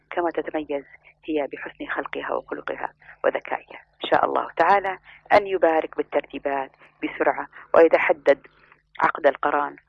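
A man's voice: fairly high pitch, gravelly, husky. A man reading a first-person story aloud in an earnest, flowing way. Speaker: narrator. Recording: muffled lo-fi recording.

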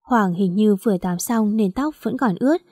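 A calm young woman narrates a story in the first person as an audiobook reader. Her mid-range voice keeps a moderate pace, captured in a dry, clean studio recording.

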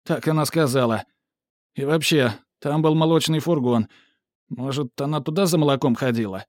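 A man's voice: on the high side, moderate pace, dry recording, clean studio sound, voice pushed up, lightly acted. A man voicing a cowardly, whining male factory manager who squeals and pleads.

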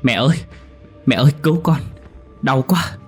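A man's voice: mid-range voice, animated, normal speed, husky, soft background music, pitched above the performer's own voice. A man voicing a young pregnant servant girl crying out in pain in a narrated story. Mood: pleading.

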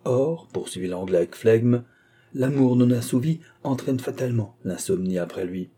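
A man voicing a calm, dry, scheming English baronet in an audiobook reading. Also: medium pitch, moderate pace, slightly rough, pitched above the performer's own voice, close to an everyday voice. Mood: cool.

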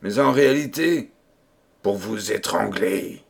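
A man's voice: lowish voice, animated, slow, creaky, husky, exaggerated voice. A man reading a fairy tale, voicing a sinister scheming male courtier with a mysterious, clipped manner.

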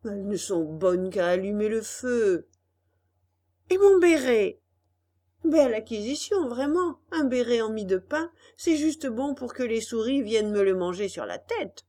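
A woman's voice: fairly high pitch, sing-song, measured pace, warm tone. Woman voicing a scornful young boy. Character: sensible young boy, mocking and dismissive.

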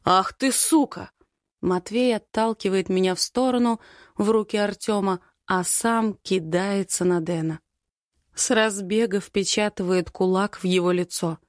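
A woman narrating a first-person story as an expressive, dramatic audiobook reading. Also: mid-range voice, no room sound, studio quality.

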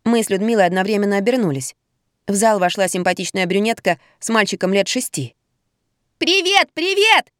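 A woman reading a first-person audiobook in a wry, lively storytelling manner. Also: medium pitch, fast, no echo, studio quality. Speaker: audiobook narrator.

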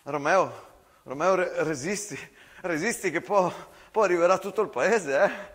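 A man's voice: high voice, unhurried, fairly bright tone, breathy edge, heavily acted. Tonon, a man doing a desperate Venetian soldier. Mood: pleading. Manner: pleading, rambling, stammering reassurances. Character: young male soldier, rough, devoted, desperate friend. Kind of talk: stage monologue.

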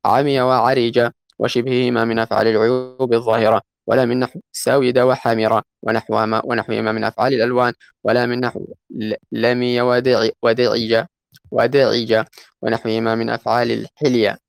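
A man reading a classical grammar text aloud to his teacher, going quickly and slowing down to chant the quoted verses. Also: medium pitch, little pitch movement, gravelly, clear, resonant tone, dry recording. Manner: fast recitation, slows to chant quoted verses.

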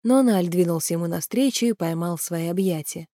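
A woman narrating a fantasy audiobook in an even, measured reading. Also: fairly low pitch, no echo, clean studio sound. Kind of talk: scripted narration.

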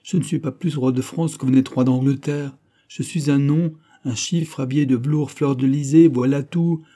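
A man's voice: mid-range voice, normal speed, dark tone, close to an everyday voice. A man voicing a bitter, powerless young king of 22, declaiming with rising indignation.

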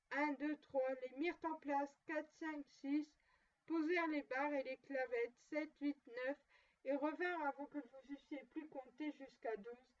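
Woman reading a classic tale aloud. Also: high voice. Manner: steady, measured narration. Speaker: reader. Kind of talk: storybook reading. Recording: dull distant lo-fi recording.

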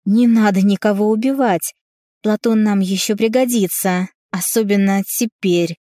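A caring but bossy middle-aged mother who calms and scolds in the same breath, as a woman narrator puts her on. Her tone is mellow and unhurried, recorded dry and close. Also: mid-range voice, no echo, close to an everyday voice. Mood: soothing.

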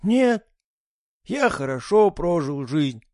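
A man voicing a weary, pious old father with a dry voice, quiet and reproachful. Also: on the high side, very animated, slow, no room sound, voice pushed up. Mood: calm.

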